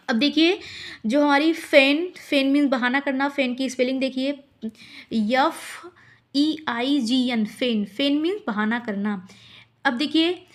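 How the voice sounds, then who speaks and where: With a voice on the high side, an Indian woman walks exam students through hard English vocabulary. She patiently says each word and its meaning again, spells it out one letter at a time, and often pauses or uses fillers.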